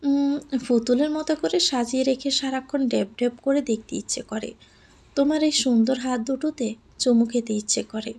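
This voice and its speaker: A woman's voice: high voice, moderate pace, gravelly, a little mellow. A woman voicing a possessive, hot-tempered young man in an audio love story, scolding through clenched teeth or coaxing tenderly.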